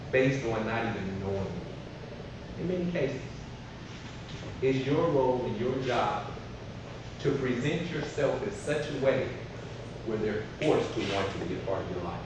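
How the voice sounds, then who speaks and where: A man giving a humorous, animated storytelling speech to an audience, laughing as he goes. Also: mid-range voice. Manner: animated, laughs through his stories. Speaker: motivational speaker. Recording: echoey hall, voice from far off, background noise.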